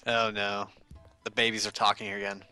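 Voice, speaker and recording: Man with a bright, forceful voice. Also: on the low side, flat delivery, normal speed, clean tone, soft background music. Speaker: gamer playing as the dad. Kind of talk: casual gaming chat.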